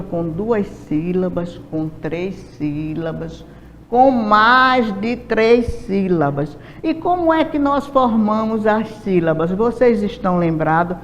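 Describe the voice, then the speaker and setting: Slow, patient Brazilian woman teacher. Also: mid-range voice, slight background noise. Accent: Brazilian Portuguese. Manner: slow, patient, asks rhetorical questions. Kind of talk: recorded classroom lesson. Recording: dull lo-fi sound in a reverberant room.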